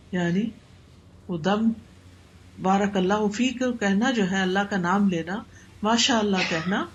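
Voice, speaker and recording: A woman giving a religious lecture in a measured, explanatory teaching manner. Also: medium pitch, dull audio, a little hiss or hum. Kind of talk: Islamic lecture in Urdu.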